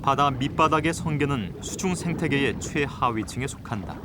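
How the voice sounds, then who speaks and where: A man reading scripted nature documentary narration in a measured, formal broadcast style. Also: medium pitch, animated, background noise. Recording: loud music bed under voice. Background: prominent background music.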